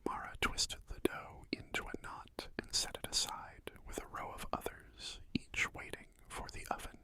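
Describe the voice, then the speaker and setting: A narrator reads a bedtime story in a soft, gentle, unvoiced ASMR whisper, taking time over each phrase. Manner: gentle, unhurried storybook reading.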